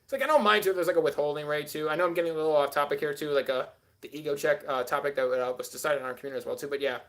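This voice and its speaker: A man's voice: a little high, rapid-fire, a bit bright. A man hosting a live stream, rambling casually and answering chat with many filler words.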